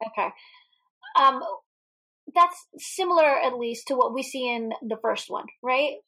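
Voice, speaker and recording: A woman co-hosting a podcast in casual film chat, animated, laughing often and swearing freely. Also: high voice, a little slow. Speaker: podcast co-host. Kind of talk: casual movie discussion.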